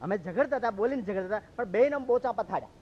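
A man from Gujarat, a monk telling stories in a lively sermon and acting out what others said. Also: high-pitched, fast talker, slightly rough. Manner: lively, acts out quoted speech. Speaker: monk preacher. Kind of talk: storytelling sermon. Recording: dull lo-fi recording.

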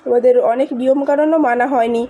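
A woman's voice: sits high, steady tone, quick pace, mellow. A woman voicing a commanding mother who lectures her son, in a spoken drama recap. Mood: stern. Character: stern domineering mother.

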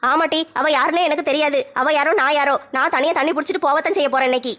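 A woman's voice: high voice, steady tone, racing, fairly bright tone. A woman playing a stubborn village mother-in-law, blunt and scolding.

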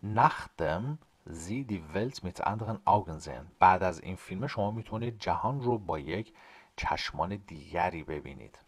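Male language teacher with a low, lively voice; slow, careful German, brisk asides. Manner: reads German slowly and deliberately, explains quickly in casual Persian. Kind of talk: language lesson, reading German lines then explaining in Persian.

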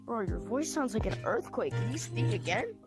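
A woman's voice: a little high, very animated, moderate pace, faint music behind. A woman reacting casually in a social game chat.

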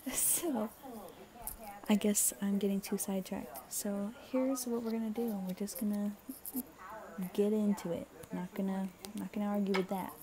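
A young woman talking quietly and half-whispering late at night in a shared bedroom, rambling with many fillers as she hosts a spiritual reading. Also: mid-range voice, fairly even intonation, moderate pace. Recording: TV chatter in the background. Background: television playing.

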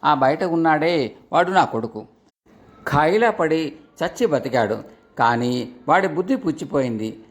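A man's voice: fairly high pitch, lively intonation, unhurried, long pauses. A man voicing a cunning old woman swindler who talks sweetly and plays innocent, in a storybook reading. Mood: wheedling. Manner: feigned innocence, wheedling.

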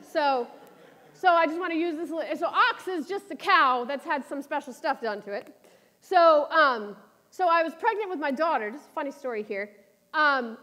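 A woman in her forties gives a sermon with a very high voice. She tells her stories in an animated, self-deprecating way, and a long hall reverb trails each phrase. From New York City. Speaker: speaker at a church service.

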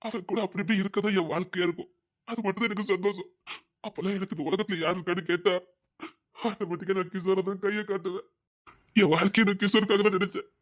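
Young guy with a tirunelveli accent, high voice, pouring his heart out to a friend about his lost mom, earnest village drama. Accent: Tirunelveli Tamil. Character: young man grieving his lost mother, devoted to his friend. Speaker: actor in a village web drama. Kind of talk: dramatic dialogue.

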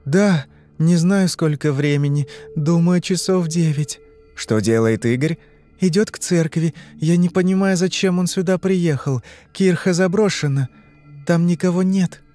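A man voicing a frightened young woman under hypnosis in an audiobook, answering in short, halting phrases. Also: fairly high pitch, dark tone, soft background music, pitched above the performer's own voice, natural voice. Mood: uneasy. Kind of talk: audiobook reading.

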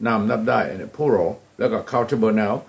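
Upbeat Thai-accented English teacher. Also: male voice, mid-range voice, creaky. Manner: slow, deliberate modeling of English phrases, then quick Thai explanations; upbeat and encouraging, often praising the students. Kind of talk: classroom-style English drill.

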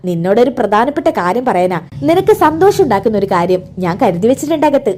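A woman's voice: a little high, very animated, fast talker, warm tone, a little hiss or hum. A woman voicing a doting older mother who speaks in a coaxing, affectionate way.

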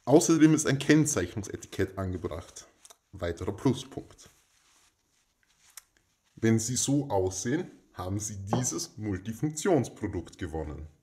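A man makes a mock-formal giveaway announcement as host, speaking in a pompous, stilted and deadpan manner. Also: on the low side, measured pace. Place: indoors in a home.

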